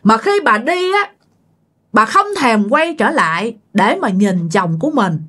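A woman's voice: a little high, big pitch swings, a little slow, bright, forceful tone, slightly rough, full character voice. A woman voicing a wounded male officer who speaks in a blunt, reproachful way. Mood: accusing. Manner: accusing, reproachful.

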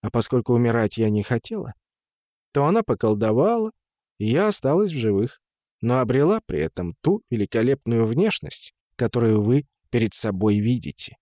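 Male reader doing old witch, scornful, all-knowing, creaky and sly, dry read. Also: medium pitch, normal speed, dry recording, natural voice. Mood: somber. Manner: creaking, mocking, calm.

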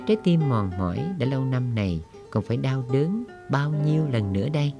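A man reads a story aloud as an audiobook narrator. His delivery is slow and somber, his voice sitting at a middle pitch. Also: animated, over music. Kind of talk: story reading.

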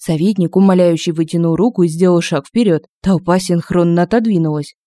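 A woman reads a comic fantasy story aloud with expressive, lively delivery. Her voice is mellow and soft-toned, and it sits close on a dry home-studio mic. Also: fairly low pitch, fairly quick, no echo. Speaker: audiobook narrator. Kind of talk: scripted narration of humorous fantasy.

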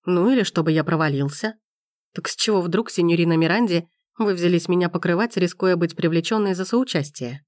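A woman's voice: on the low side, darkish tone, dry recording, studio quality, lightly acted. Woman doing a mocking, probing man. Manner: measured, teasing questions.

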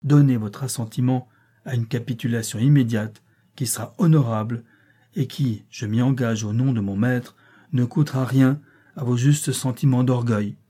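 A man voicing a composed European officer, speaking in a firm, even tone, in a storybook reading. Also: medium pitch, moderate pace, breathy edge, close to an everyday voice. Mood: solemn. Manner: monotone and firm, without raising his voice.

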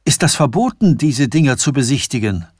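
A man's voice: medium pitch, animated, fairly quick, a little mellow, slightly rough, no echo, studio quality, pitched above the performer's own voice. A man voicing a fearful, stammering middle-aged factory heir in a radio reading of a novella. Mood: panicked.

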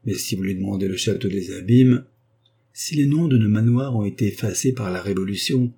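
A man reading an audiobook voices a courteous, patient old aristocratic baron, a bit higher than his own voice. The voice is mellow and slightly husky. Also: fairly quick. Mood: exasperated.

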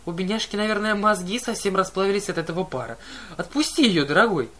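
A man's voice: sits high, expressive, sharp tone, voice pushed up, full character voice. A man voicing a nervous teenage male satyr pretending to be a bride, fluttery and pleading. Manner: fluttery, pleading, talks fast when scared.

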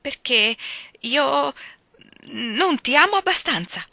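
A woman's voice: high voice, expressive, takes it slowly, gravelly, sharp tone, dry recording, pitched above the performer's own voice, exaggerated voice. A woman reading the part of a young woman who refuses a proposal in desperate, pleading tones. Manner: pleading, emotional.

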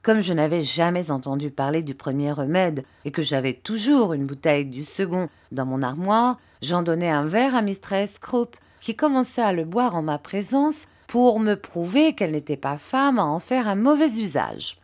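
A woman narrating an audiobook of a classic novel, telling it in a measured, expressive way. Her voice is fairly low for a woman, with a lot of rise and fall in the pitch.

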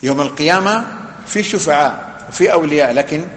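A man's voice: a little high, expressive, brisk, slight background noise. A man teaching a religious lesson, explaining a text with emphatic, repeated phrases and long lists. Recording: echoey hall.

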